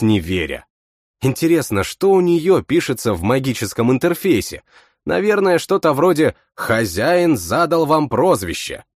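Male narrator, expressive first-person fantasy reading, animated delivery. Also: medium pitch, no room sound, studio quality. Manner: expressive, voices every character himself. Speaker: audiobook narrator.

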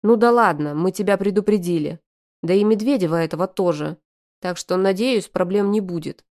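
A woman's voice: fairly low pitch, normal speed, a little mellow, lightly acted. A woman voicing a stern older brother, a policeman, weary and reproachful, in an audiobook.

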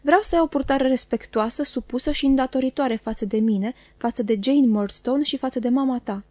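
A woman reading the part of a cold, stern man who speaks slowly and gravely, with commanding authority. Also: high-pitched, warm tone, no room sound. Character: stern, cold middle-aged man, harsh stepfather.

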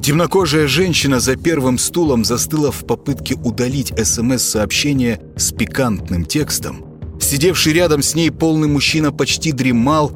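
A man narrating a story in an expressive reading style. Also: medium pitch. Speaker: audiobook reader. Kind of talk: scripted narration.

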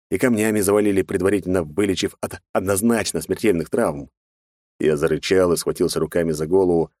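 A man reads a first-person audiobook in a very low voice, with a wry inner-monologue tone. The recording is dry and close, with no room sound. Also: darkish tone, dry recording. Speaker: audiobook narrator.

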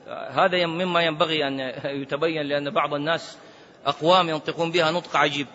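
High-voiced bright male preacher in a hall. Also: fast talker, slight background noise. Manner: lively, mixes colloquial Arabic with quoted scripture, chants some phrases. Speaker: sheikh giving a religious lesson. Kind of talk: sermon-style religious lesson. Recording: lo-fi recording in a reverberant hall.

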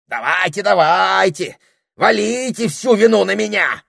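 A man voicing a bossy, hot-tempered and pompous male parrot who blusters and shouts, reading aloud from a storybook. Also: on the high side, sing-song, a little slow, creaky, no echo, clean studio sound, pitched above the performer's own voice, exaggerated voice. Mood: indignant ranting. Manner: shouting, blustering, self-important.

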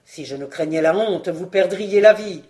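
An audiobook reader voicing a grieving, proud male warrior king who laments loudly. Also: medium pitch, normal speed, close to an everyday voice. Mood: stern. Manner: lamenting, emphatic. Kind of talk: audiobook reading.

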